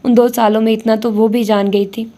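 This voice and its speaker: A woman narrating a romance novel in a steady reading voice. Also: on the high side. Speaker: audiobook narrator.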